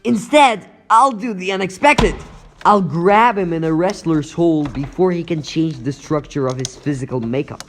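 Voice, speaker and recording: A man's voice: a little high, normal speed, faint music behind, lightly acted. A man voicing a wisecracking, anxious teenage superhero who thinks aloud dramatically in a comic dub. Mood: determined. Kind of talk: comic book dub voice acting.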